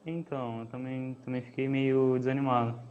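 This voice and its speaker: A man's voice: medium pitch, level tone, brisk, phone-quality sound, slight background noise. A man, helping the teacher in a remote class, with brief agreeable replies. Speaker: class helper. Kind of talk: casual chat.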